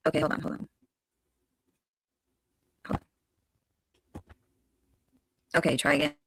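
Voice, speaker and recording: A woman's voice: a little slow, fairly bright tone, no room sound. A woman guest speaking over a video call whose audio keeps breaking up and sounds sped up. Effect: glitchy call audio breaking up and sounding sped up. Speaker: livestream guest. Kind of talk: casual chat. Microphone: computer mic on a video call.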